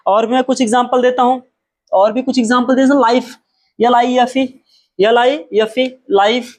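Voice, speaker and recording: Emphatic male teacher drilling words slowly. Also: very high voice. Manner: repeats example words slowly and drawn out, asks and answers his own questions; emphatic, animated explaining. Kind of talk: spoken pronunciation lesson.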